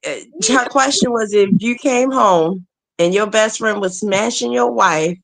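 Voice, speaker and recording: A woman's voice: medium pitch, a little slow, vocal fry. A woman in her forties hosting a casual live talk show, chatting, laughing often and greeting viewers as they join. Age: 40s. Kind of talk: casual chat.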